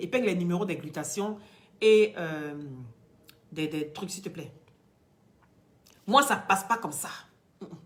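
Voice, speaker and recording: A social media commentator from Ivory Coast, a woman whose first language is Dioula or another Ivorian language, speaks French with an Ivorian accent. Her fairly low voice delivers impassioned, preachy, emphatic commentary straight to the camera, jumping from loud peaks to quiet, almost whispered asides.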